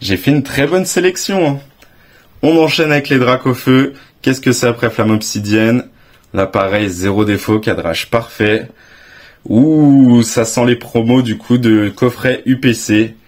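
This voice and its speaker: A young man with a French accent, giving casual, excitable commentary as he reveals graded trading cards, exclaiming often with slang. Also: medium pitch, measured pace. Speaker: card collecting YouTuber.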